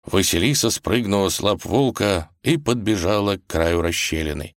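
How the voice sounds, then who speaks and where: A man narrating a fairy tale in an expressive, dramatic storytelling manner. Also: low-pitched, moderate pace, no echo, studio quality.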